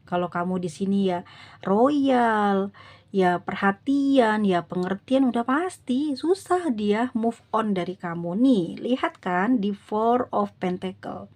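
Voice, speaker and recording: A woman's voice: mid-range voice, lively intonation, slow, a little mellow. A woman with an Indonesian accent doing a casual, chatty tarot reading for her viewers, often repeating tag words and voicing what another person might be thinking. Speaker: tarot reader.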